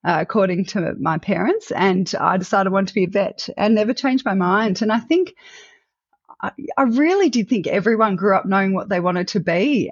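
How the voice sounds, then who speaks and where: A woman with an Australian accent talks through her path as a vet, reflective and chatty. Her voice is raspy with a gravelly edge. The sound is dry and a little dull, like a remote call. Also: mid-range voice, dry recording. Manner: chatty, reflective, with fillers and restarts. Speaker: guest veterinarian. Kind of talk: conversational interview.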